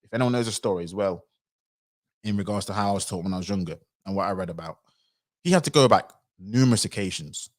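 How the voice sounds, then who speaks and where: A man giving animated livestream commentary, sometimes acting out other people's voices. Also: low voice, fast talker. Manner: animated, acts out quoted voices.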